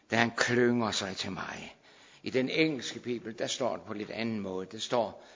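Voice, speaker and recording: A man preaching a sermon, moving between quiet explanation and loud, shouted proclamation. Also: mid-range voice, long reverb tail, highs cut off.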